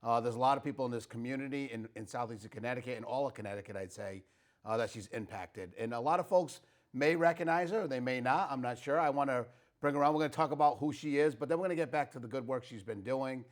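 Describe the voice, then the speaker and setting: A man's voice: medium pitch, quick pace. A man hosting a local community talk show, chatty and rambling, with frequent fillers and restarts. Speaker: host. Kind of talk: casual interview.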